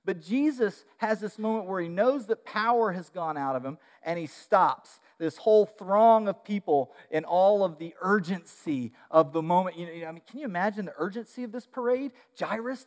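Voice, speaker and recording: A man preaching a sermon, telling the story in an animated way with frequent fillers and restarts. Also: sits high, big-room sound.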